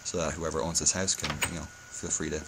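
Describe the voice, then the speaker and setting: A man's voice: very deep voice, level tone, quick pace, very noisy. A hungover man giving a casual game-building tutorial, speaking hesitantly and often correcting himself. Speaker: video tutorial host.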